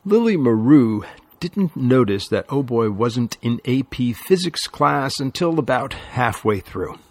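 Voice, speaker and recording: A man narrating an audiobook with measured storytelling. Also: mid-range voice, animated, no room sound. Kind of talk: scripted narration.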